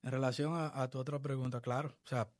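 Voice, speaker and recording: A man from the Dominican Republic, a baseball coach being interviewed, talking in a measured, reflective way. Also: medium pitch, steady tone, no room sound, clean studio sound. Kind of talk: podcast interview.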